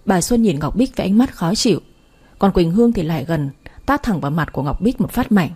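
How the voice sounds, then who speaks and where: A woman narrating a romance story in the first person, with even, soft storytelling. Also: on the low side, fairly quick, husky.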